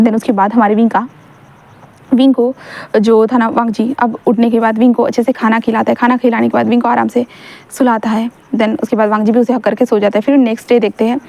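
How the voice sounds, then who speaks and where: A woman's voice: on the high side, mellow. A young woman casually narrating her own story aloud in a chatty, rambling way, often correcting herself mid-sentence.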